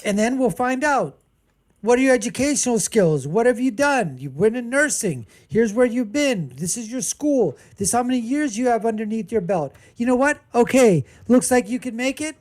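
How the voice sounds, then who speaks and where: A panelist in a live debate arguing forcefully, asking rhetorical questions and acting out examples. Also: medium pitch, expressive, normal speed.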